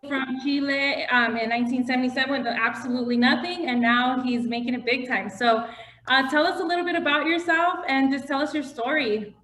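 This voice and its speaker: A woman's voice: high voice, brisk, fairly bright tone, roomy sound, poor audio. A woman introducing a guest on a video call, nervous and giggly, with many fillers. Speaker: interviewer, real estate associate. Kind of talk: casual interview intro.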